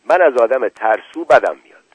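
A man's voice: medium pitch, animated, husky, no room sound, highs cut off. A man voicing a fierce, scornful wife and protective mother in a radio book reading, cutting in tone. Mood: defiant.

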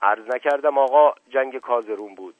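A man's voice: medium pitch, no room sound, voice pushed up, close to an everyday voice. A man reading aloud, voicing an older male servant who is humble and timid yet stubbornly keeps correcting his master. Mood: insistent. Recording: dry, narrow phone-like sound.

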